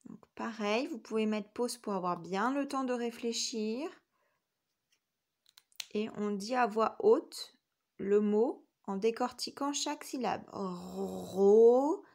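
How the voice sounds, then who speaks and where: A woman's voice: on the high side, slow, a little mellow. A woman teacher giving a recorded spelling lesson to young children, patiently sounding out each letter and syllable. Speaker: kindergarten teacher.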